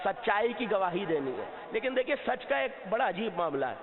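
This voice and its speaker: A man giving an impassioned sermon to a seated gathering, asking the listeners questions and at times shouting. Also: high voice, sing-song, creaky, over a noisy crowd, very noisy. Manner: impassioned, rising to shouts at key points; asks the audience questions and answers himself. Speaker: Shia cleric giving a majlis sermon. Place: mosque or hall before a seated gathering. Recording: long reverb, tinny phone-like sound.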